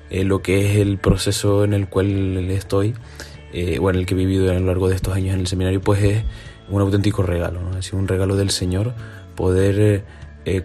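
A man's voice: deep voice, dark tone. A man in his twenties with a Canary Islands Spanish accent, a seminarian giving a hesitant personal testimony. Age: 20s. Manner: hesitant, many fillers.

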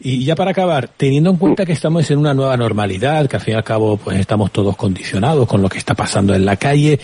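A man's voice: medium pitch, expressive, fast talker, darkish tone, slightly rough, no room sound. A man, hosting a radio interview and asking brief, probing questions. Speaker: radio host.

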